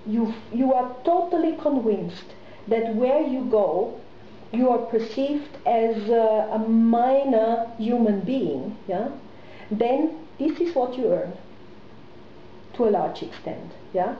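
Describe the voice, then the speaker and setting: A woman's voice: on the high side, expressive, slow pace, a little hiss or hum. Woman, hesitant, roomy sound. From Austria. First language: German. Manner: hesitant, many fillers and restarts. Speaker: interviewee, businesswoman. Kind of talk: conversational interview. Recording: roomy, slightly muffled recording.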